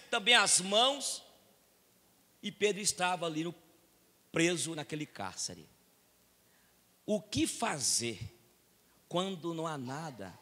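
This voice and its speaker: A man with a Brazilian accent preaching a sermon in a church, dropping low and quiet to tell stories, then rising to loud shouted appeals. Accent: Brazilian Portuguese. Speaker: pastor. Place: church hall with long reverb. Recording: echoey church hall.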